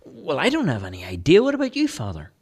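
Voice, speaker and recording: A man's voice: medium pitch, wildly swooping pitch, quick pace, breathy edge, pitched above the performer's own voice. A man voicing Doctor Phil, a bemused psychiatrist who sounds incredulous and quizzical. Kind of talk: amateur play read aloud.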